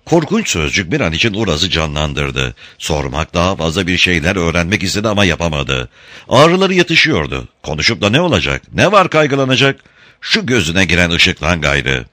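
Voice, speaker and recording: A man narrates a novel as an audiobook, very deep yet bright in tone. His delivery is expressive and swings widely in pitch. The recording is dry and close. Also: moderate pace, no echo.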